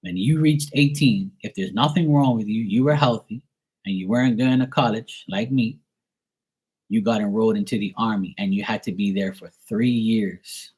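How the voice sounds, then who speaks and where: A Bermudian man speaks in a husky, somewhat low voice. He rants bluntly and swears freely, with the loose, off-the-cuff feel of a livestream host talking to his viewers. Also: moderate pace, a little mellow. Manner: blunt, profane, ranting. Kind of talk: casual livestream rant.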